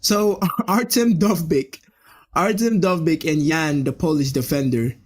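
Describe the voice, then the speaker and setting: Male watch-along host, slightly higher voice, casual live football commentary with excited reactions. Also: unhurried. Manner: chatty, jumping up in pitch at chances on goal.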